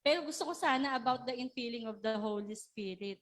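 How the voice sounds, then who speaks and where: Woman, pastor, high voice, lively and laughing, rousing sermon to a church. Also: fairly quick. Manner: lively, laughing, calls on the congregation to shout. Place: church service.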